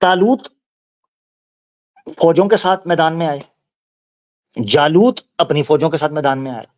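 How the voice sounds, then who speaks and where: A man giving Islamic commentary, explaining points and reciting verses slowly. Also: a little high, no room sound, lo-fi sound. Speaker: religious commentator.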